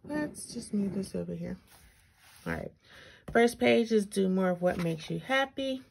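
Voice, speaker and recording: A woman's voice: medium pitch, lively intonation, unhurried, gravelly. A woman with braces slightly impeding her speech gives a casual, chatty walkthrough, thinking aloud and reading items out. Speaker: planner reviewer, video host. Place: indoors at a tabletop, hands-only overhead shot. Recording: noticeable background noise with clicks.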